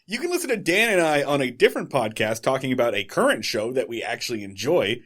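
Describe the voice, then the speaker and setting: A man co-hosting a podcast reads plugs during a casual outro, rambling loosely and correcting himself along the way. His mid-range voice is sing-song, quick and fairly bright.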